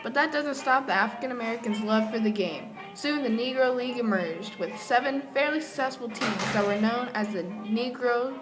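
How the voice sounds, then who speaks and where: With music playing clearly beneath her, a student presenter reads from a newsreel script. The young woman's voice is slightly high, and she keeps a moderate pace with almost no pauses.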